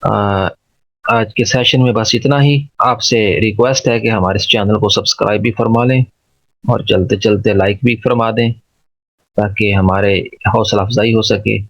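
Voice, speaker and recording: Slow, gravelly male teacher with inflection. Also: lowish voice, steady tone, no echo. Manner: repeats words slowly and drills syllables. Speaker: English pronunciation teacher. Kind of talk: slow explanatory lesson. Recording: dull lo-fi dry recording.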